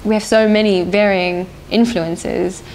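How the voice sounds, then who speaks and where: A young woman from South Africa who sings in a band talks through her answers thoughtfully and with some hesitation, often laughing. Her pitch sits in a middle range for a woman. A faint hiss of noise stays under her voice. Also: steady tone, measured pace, darkish tone, low-quality recording. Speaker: band singer. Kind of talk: casual interview answers.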